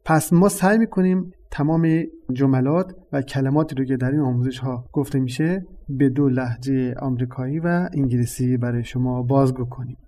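Mellow, darker-toned man hosting a language lesson. He explains step by step in a measured, patient teaching voice at an ordinary pitch.

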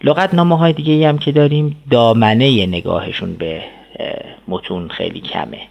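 A man giving a scholarly explanation as a guest, in a formal, deliberate manner. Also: medium pitch, gravelly, lo-fi sound. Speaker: guest scholar of Persian literature.

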